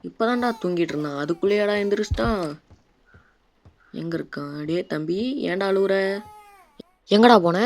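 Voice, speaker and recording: A man's voice: sits high, darkish tone, slight background noise. A Tamil man doing casual let's-play commentary, chatting and playfully scolding a baby in the game. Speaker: gaming YouTuber.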